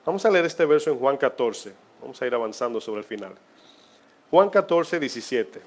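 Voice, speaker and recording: Man preaching a sermon, mid pitch, throws questions at the church, goes loud then soft and slow. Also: lively intonation. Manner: preaching with rhetorical questions to the congregation; swings between loud emphasis and quiet, drawn-out phrases. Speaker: pastor.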